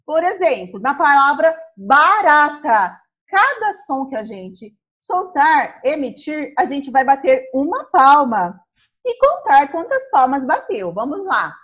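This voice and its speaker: A Brazilian woman teaching a primary school class, sounding out words slowly syllable by syllable. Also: sits high, big pitch swings, fairly bright tone. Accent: Brazilian Portuguese. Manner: slow, syllable-by-syllable explaining.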